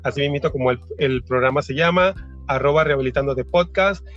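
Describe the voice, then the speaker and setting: A man hosting a podcast in a friendly, casual way, often pausing with fillers. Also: medium pitch, fairly bright tone, muffled recording, soft background music. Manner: friendly, with frequent fillers and restarts. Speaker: podcast host.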